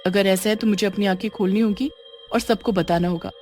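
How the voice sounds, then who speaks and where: A woman voicing a frightened young bride in an animated horror story, anxious and pleading. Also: medium pitch, a little fast, faint music behind, lightly acted. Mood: uneasy. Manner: anxious, then screaming in panic.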